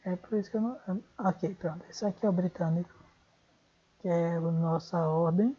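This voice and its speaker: A woman's voice: on the low side, normal speed, mellow, husky. A woman with a Brazilian Portuguese accent teaching an online English lesson, thinking aloud and correcting herself as she goes. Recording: dull lo-fi recording.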